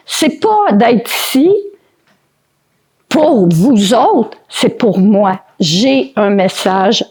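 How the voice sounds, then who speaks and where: A woman's voice: a little high, husky. An older woman with a Québécois French accent, giving an earnest inspirational talk to a live group and speaking directly to her audience. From Quebec. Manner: unhurried, earnest, addresses the audience directly with emphatic repetition. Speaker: conference speaker and author. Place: conference in France.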